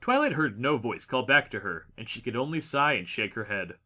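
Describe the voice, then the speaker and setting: A man narrates scripted fiction as a dramatic audiobook reader. His voice is at an average male pitch, bright and forceful, and he delivers it animatedly at a slightly fast pace.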